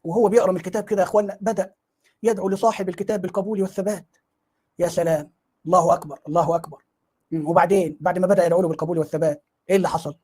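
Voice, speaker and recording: A man's voice: sits high, fairly even intonation, very fast, mellow, slightly rough. A man with an Egyptian Arabic accent giving mocking online commentary, full of sarcasm and rhetorical questions.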